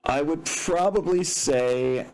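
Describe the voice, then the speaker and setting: A man acting as game master narrates a tabletop mech game, speaking casually, thinking aloud, and explaining the rules with some hesitation. His voice is a little high and a little mellow, and he talks at a slow pace. Background music plays under a rough recording.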